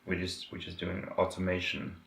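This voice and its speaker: A man's voice: low-pitched, monotone, moderate pace, creaky, a bit bright. A young man, introducing himself in a plain, matter-of-fact way. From Norway. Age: 20s. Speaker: project engineer. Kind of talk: interview self-introduction. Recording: echoey room.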